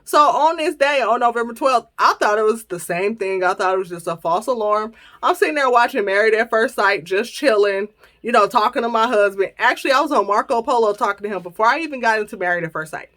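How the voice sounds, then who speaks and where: A woman's voice: a little high, fast talker. A woman in her thirties hosting her own vlog, chatting casually and playfully with viewers. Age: 30s. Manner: lively, chatty, playful storytelling. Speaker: channel host.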